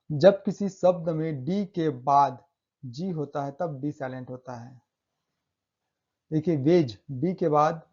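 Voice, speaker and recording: A man teaching English pronunciation rules in a classroom style. He repeats example words slowly and stresses them hard. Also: on the high side, mellow, lo-fi sound.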